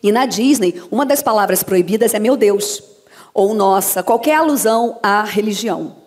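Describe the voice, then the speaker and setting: A woman with a Brazilian accent, a voice actress and dubbing director, giving a lively talk to an audience and acting out anecdotes as she goes. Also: mid-range voice, normal speed. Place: lecture hall. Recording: long reverb of a hall.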